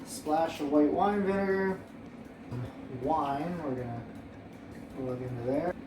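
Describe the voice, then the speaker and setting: A man with a voice on the high side hosts a home cooking video, chatting casually, rambling, and joking as he works, all at a slow pace. It's recorded in an echoey home kitchen with a distant mic and some background noise.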